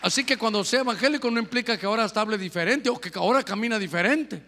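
A man's voice: high voice, racing, a faint crowd. A man preaching a sermon in a church hall, talking straight to the congregation and acting out little scenes. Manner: animated, addresses the congregation directly, acts out little scenes.

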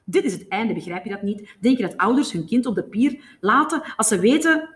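A woman reading a novel aloud, voicing a hoarse young woman who snaps and scolds in a raised, urgent voice. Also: on the high side, expressive, a little fast, a bit bright, pitched above the performer's own voice. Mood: scolding.

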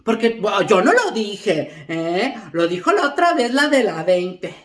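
A woman's voice: mid-range voice, very animated, a little slow, roomy sound. A woman playing a gossipy middle-aged mother who rambles on to her family, forever tossing in little asides to check they are listening. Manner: chatty, rambling, keeps asking "¿eh?" and "fíjate". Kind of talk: comic character monologue.

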